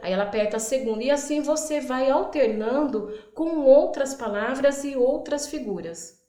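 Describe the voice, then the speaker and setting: A woman teacher explaining early literacy activities, sounding out words slowly and acting out her prompts to children. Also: high-pitched, warm tone, reverberant. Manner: stretches out words for demonstration, acts out classroom prompts. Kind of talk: instructional explainer.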